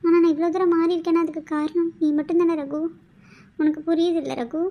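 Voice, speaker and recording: A woman's voice: very high-pitched, level tone, fast talker. A woman voicing a devoted young sweetheart. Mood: fearful. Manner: soft, pleading, heartfelt. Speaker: voice actor. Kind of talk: cartoon voice acting.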